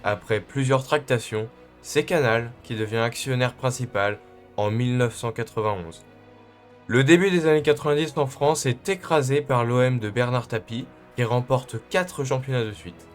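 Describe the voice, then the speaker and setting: A man delivers scripted documentary narration about sports history. His voice is mid-pitched, with music playing softly behind it. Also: normal speed. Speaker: narrator of a football club history.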